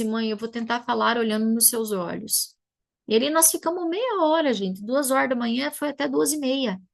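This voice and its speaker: A woman's voice: a little high, vocal fry. A woman psychoanalyst from Brazil giving a live online talk to a webcam, telling a personal story and speaking directly to her viewers. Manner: storytelling, addresses audience directly.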